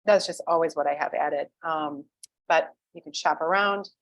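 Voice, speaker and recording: A woman with a low voice talks through an online ordering tutorial in a chatty, conversational way. She fills her sentences with "um" and keeps checking in with the listener. The sound is dry and close, with no room echo. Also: moderate pace. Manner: chatty, filler-heavy, checks in with "okay?". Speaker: essential oil wellness advocate. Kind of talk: screen-share tutorial walkthrough.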